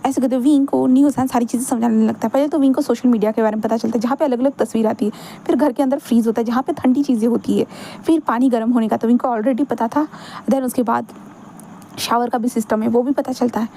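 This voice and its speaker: Style: chatty story retelling. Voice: fast-talking woman. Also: fairly high pitch, fairly even intonation, mellow, slight background noise. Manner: chatty, rambling, mixes in English words. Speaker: story narrator. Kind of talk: casual fan-fiction retelling.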